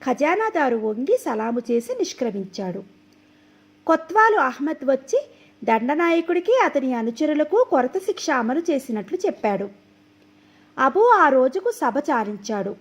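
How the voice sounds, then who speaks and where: A woman storyteller reading a folk tale aloud in a steady, expressive storybook manner. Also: sits high.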